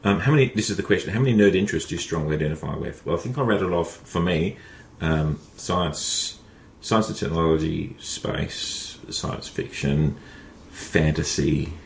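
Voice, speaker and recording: Deep gravelly man hosting a podcast. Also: normal speed, slight background noise. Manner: rambling, many restarts and fillers. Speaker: podcast host. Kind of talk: casual podcast chat. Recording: echoey room, faint ambience.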